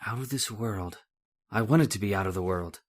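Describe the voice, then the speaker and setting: Close to his everyday voice, this man speaks on the low side at a moderate pace. He plays a haunted, domineering and bitter chemist in a radio horror drama of the old-time kind, brooding through broken, repetitive lines in a haunted, despairing mood.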